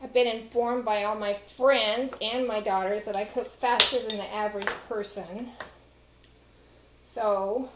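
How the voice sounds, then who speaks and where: A middle-aged woman with a Texas accent hosts a casual cooking demonstration at home, chatting to viewers while she works. Her mid-range voice keeps a steady tone at a little slow pace. Captured by a far camera, the echoey kitchen with clattering dishes sounds very noisy.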